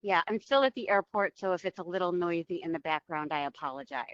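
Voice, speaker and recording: A woman's voice: fairly low pitch, fast, no echo. A woman heard over a phone speaker, calling in from an airport, answering interview questions hesitantly with many ums. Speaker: library board candidate. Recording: muffled lo-fi call audio.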